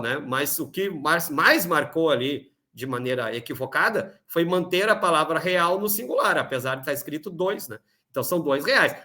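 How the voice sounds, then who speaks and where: A male Portuguese teacher from southern Brazil, speaking with a gaúcho accent, talks through an exam review. His voice sits a little high and sounds bright and forceful. He explains patiently, checks in with his students and slows down to spell out each example. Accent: Rio Grande do Sul Brazilian Portuguese. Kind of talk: recorded exam-review lesson.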